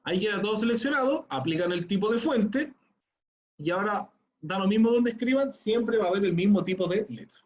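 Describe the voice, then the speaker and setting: Teaching an online class, a man with a fairly high voice for a man sounds expressive and brisk. He patiently explains every step and keeps checking that students follow. The audio is dull and muffled, like a lo-fi call.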